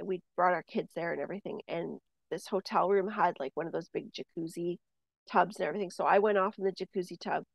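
In a lo-fi recording with no room sound, a medium who co-hosts a podcast speaks in a lowish, gravelly voice. She relays spirit messages and shares a personal story casually, rambling through fillers and restarts but livening up as she tells stories.

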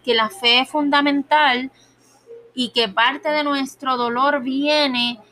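A woman delivers a sermon with an earnest, emphatic manner, leaning on rhetorical questions to draw the listener in. Her voice sits a little high and sounds bright and forceful. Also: fairly even intonation, slow pace, slight background noise. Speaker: preacher.

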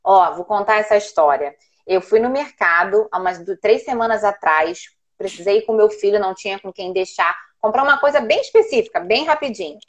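A woman and parenting educator telling a personal story in a casual call, animated as she acts out what was said. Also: medium pitch, fairly quick. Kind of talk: casual video-call conversation.

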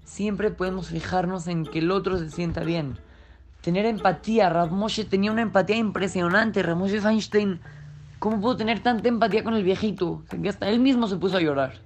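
Man telling a story to children. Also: high voice. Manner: speaks directly to children, unhurried storytelling.

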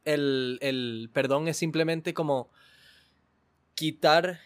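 A man's voice: a little high, slow pace, dry recording. A man in a casual chat, reasoning through an idea step by step.

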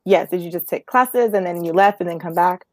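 A woman's voice: on the low side, a little fast, no echo. Casting: dramatic, upbeat woman host, dry close sound. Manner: theatrical, enthusiastic. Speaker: podcast host. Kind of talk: interview introduction and chat.

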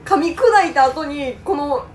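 A woman's voice: high-pitched, animated, measured pace, crowd noise. A woman with a Kansai accent, co-hosting a casual chat and playfully spinning a little story. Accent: Kansai Japanese. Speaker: podcast co-host. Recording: echoey room with faint noise.

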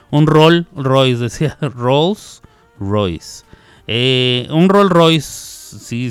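A man's voice: mid-range voice, clear, resonant tone, dry recording. Chatty Mexican radio host man. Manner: chatty, digressive, playful, self-correcting. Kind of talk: casual rambling radio chat. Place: radio studio.

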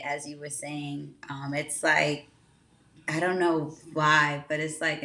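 A woman's voice: deep voice, bright, forceful tone. A woman hosting a casual interview who responds in a supportive, reflective way.

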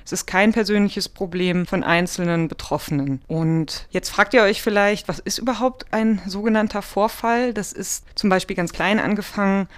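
A podcast host, talking in a measured, explanatory way. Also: medium pitch, smooth. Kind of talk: podcast interview and scripted segment.

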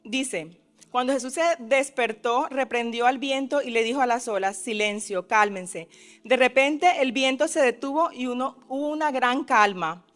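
In her sermon, a woman with a high, slightly bright voice speaks at normal speed and keeps questioning her audience, often adding tag questions. She dramatizes the disciples' cries in the story, building them with increasing force.

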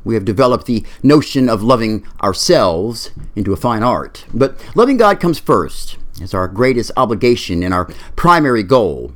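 Male pastor, sermon delivery, expressive storyteller with a wide pitch range. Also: normal speed, few pauses. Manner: lively storytelling, acting out quoted voices.

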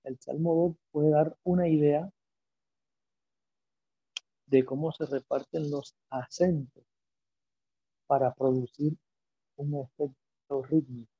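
A man teaching a lecture, speaking slowly and deliberately and asking himself rhetorical questions as he explains. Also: fairly high pitch, fairly even intonation, warm tone, slightly rough, dry recording. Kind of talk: lecture on biblical poetry. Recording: dull lo-fi recording.

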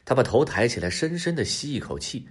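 A man narrating a children's story, expressive and speaking directly to the kids. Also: medium pitch, a little fast, slightly rough.

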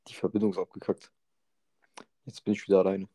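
A man's voice: deep voice, level tone, fast, warm tone, no echo. A man on a call with a friend, giving short slangy reactions. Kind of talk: casual call chat.

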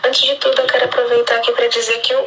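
A Brazilian woman with a fairly high voice records a casual voice message. She talks personally as a show's listener, over faint background noise. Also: flat delivery, rapid-fire, a bit bright, highs cut off.

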